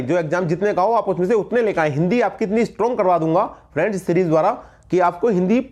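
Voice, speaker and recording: High-voiced emphatic Hindi teacher man. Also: darkish tone. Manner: emphatic, repeats key words, addresses viewers as friends. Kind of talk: Hindi grammar lesson for exam prep.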